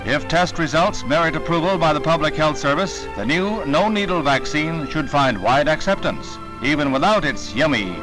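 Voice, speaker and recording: A man narrating an old 1960 newsreel in a brisk, wry announcer style. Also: fairly high pitch, expressive, rough recording. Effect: old newsreel soundtrack. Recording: old newsreel with loud music bed.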